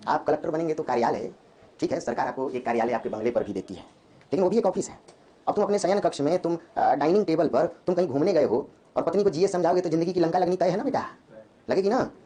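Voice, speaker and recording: कक्षा में हिंदी साहित्य पढ़ाता एक पुरुष शिक्षक, जो बार-बार छात्रों से सवाल पूछता है।. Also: male voice, on the high side. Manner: lively, quizzes students with quick questions. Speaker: Hindi literature teacher. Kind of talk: classroom lecture. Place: classroom.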